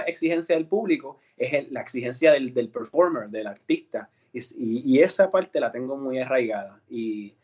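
Through a muffled recording, a husky, slightly mellow medium-pitched voice belongs to a Puerto Rican actor and singer. Speaking with a Puerto Rican Spanish accent, he narrates his background in a casual interview, stumbling over fillers and restarts.

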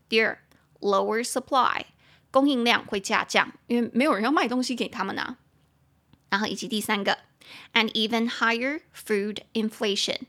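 A young adult woman hosting an English lesson podcast in Mandarin. She spells words out slowly and chats with playful asides. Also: fairly bright tone. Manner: chatty, with playful high-pitched asides. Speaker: English teacher and podcast host. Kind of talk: bilingual vocabulary lesson podcast.

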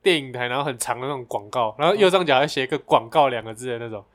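A man's voice: mid-range voice, lively intonation, racing, fairly bright tone. A young man, co-hosting a casual podcast chat, teasing and chatty. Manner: teasing, chatty, laughs often. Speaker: podcast co-host.

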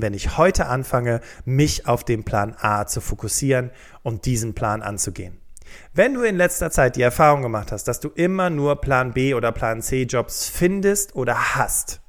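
A man hosting a solo career-advice podcast, speaking straight to the listener and checking in with a quick "okay?". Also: medium pitch. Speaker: podcast host.

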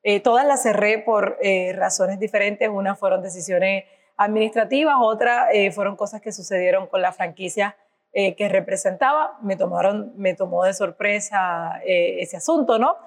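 A woman gives composed, measured answers in an interview. Her voice sits mid-range, with a long reverb trailing behind her in the room. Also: mid-range voice. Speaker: pastor and entrepreneur, interview guest.

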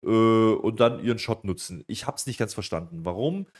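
A man hosting a casual wrestling review chat, animated and acting out quotes as he goes. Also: fairly low pitch, moderate pace. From Germany.

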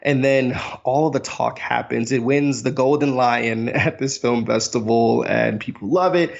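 A man with a gravelly, creaky voice co-hosts a movie podcast. He rambles with enthusiasm and laughs easily. The recording sounds slightly dull and lo-fi. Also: medium pitch, a little slow. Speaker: podcast co-host. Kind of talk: casual film review podcast.

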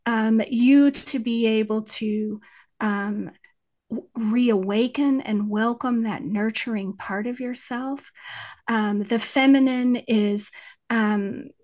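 A woman with a West Texas twang, speaking as an interview guest in a thoughtful, halting way as she searches for words. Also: fairly high pitch, steady tone, a little mellow. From West Texas, United States. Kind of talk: reflective interview conversation about faith.

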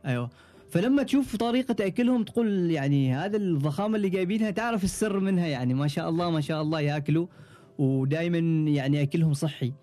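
A young man with an Omani Arabic accent, telling stories as a podcast guest in a relaxed, casual interview. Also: a little high, rapid-fire. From Oman. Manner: relaxed storytelling, frequent trailing restarts. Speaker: podcast guest, ship engineer.

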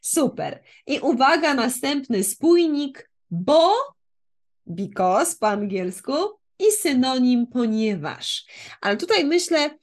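A Polish woman gives a language lesson in a fairly high, very lively voice. She speaks slowly and didactically, repeating example phrases and checking that the learner follows. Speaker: Polish language teacher and podcast co-host.

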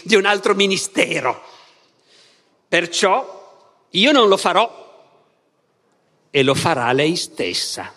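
A man reading aloud as Voland, a sardonic ancient Devil, with a slow, mocking, theatrical delivery. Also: sits high, sharp tone, voice pushed up, heavily acted. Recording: reverberant festival hall.

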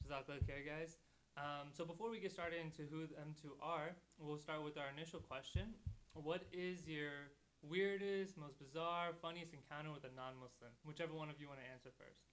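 Young male podcast host, casual and chatty, bright and crisp, slightly high. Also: a little fast. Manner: relaxed storytelling with many fillers. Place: studio.

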